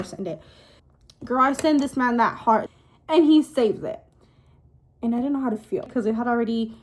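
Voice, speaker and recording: Higher-pitched young woman dishing casual gossip. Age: young adult. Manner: gossipy, confiding, animated storytelling with girl-talk asides. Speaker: vlogger. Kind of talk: casual storytime chat to camera.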